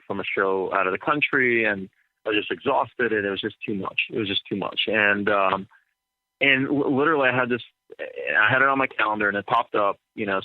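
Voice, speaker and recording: Man, lower voice, casual podcast guest, many fillers, thin phone-like audio. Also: no room sound. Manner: rambling, repeats words, lots of fillers. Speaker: guest DJ and entrepreneur. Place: in Atlanta.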